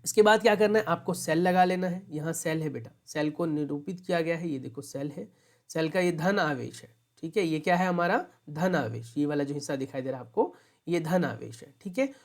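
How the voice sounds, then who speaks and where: Low-voiced teacher, patient, repeating. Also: female voice, animated, brisk. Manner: addresses students as "beta", repeats questions and answers. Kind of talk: classroom lesson explanation.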